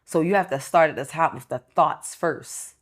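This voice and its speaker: A woman's voice: low voice, normal speed. A woman in her thirties talking as an interview guest, earnest and reflective, explaining things step by step in casual chat. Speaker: entrepreneur guest.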